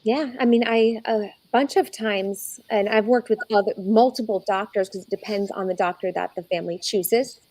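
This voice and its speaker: A young adult woman, a guest in an interview, telling her own story earnestly and slowing down when she is moved. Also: medium pitch, a little mellow, rough recording. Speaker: egg donor guest. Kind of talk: conversational interview.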